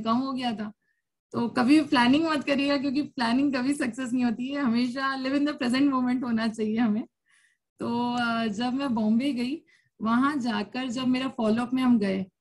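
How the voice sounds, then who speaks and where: A woman in her thirties from India, telling her own story at a support circle in a room with an audience, in a candid, chatty way with frequent laughter. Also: a little high. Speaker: cancer survivor sharing her story. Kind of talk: personal testimony at a support circle.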